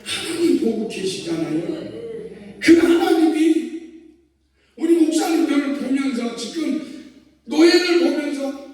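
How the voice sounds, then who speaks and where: A man pastor preaching at a revival meeting, telling stories in an animated way with frequent chuckles. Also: very high voice, takes it slowly. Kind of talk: revival sermon. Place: large church sanctuary. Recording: echoey hall, voice from far off.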